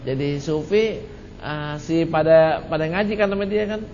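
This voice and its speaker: A man's voice: a little high, moderate pace, a little mellow. Man teaching religion in an echoey hall. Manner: casual, joking, conversational teaching. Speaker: Islamic study teacher. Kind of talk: religious study talk answering questions. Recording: echoey hall, muffled lo-fi with faint hiss.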